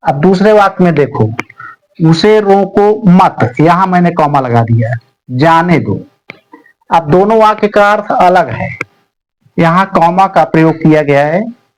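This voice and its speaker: An Indian man teaching a grammar lesson to students, explaining slowly and deliberately with many pauses. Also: sits high, poor audio.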